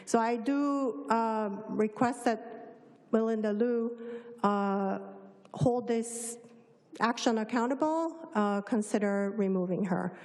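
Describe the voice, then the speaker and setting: Woman doing public comment, really slow and halting, lots of gaps, echoey chamber. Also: a little high, darkish tone. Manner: halting, hesitant, frequent long pauses. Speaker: public commenter at a council meeting. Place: large indoor council chamber. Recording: reverberant hall sound.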